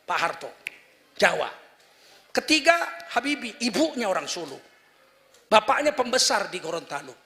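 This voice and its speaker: Man in his fifties, preacher, lively sermon, rhetorical questions, high voice, long hall reverb. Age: 50s. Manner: animated, mocking impressions and rhetorical questions. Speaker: Islamic preacher.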